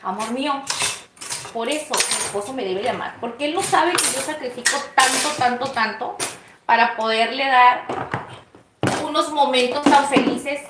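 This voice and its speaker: A woman's voice: high-pitched, normal speed. A woman cooking in her home kitchen, chatting playfully and gossipy straight to her viewers. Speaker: cooking vlogger. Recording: echoey kitchen, faint noise.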